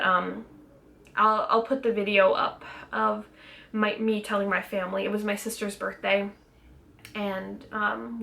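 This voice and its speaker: A woman's voice: mid-range voice, gravelly, a bit bright. Young woman, casual vlog chat, rambling, lots of ums and restarts, slightly out of breath. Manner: chatty, rambling, with frequent ums, self-restarts and little laughs. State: a little out of breath. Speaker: vlogger.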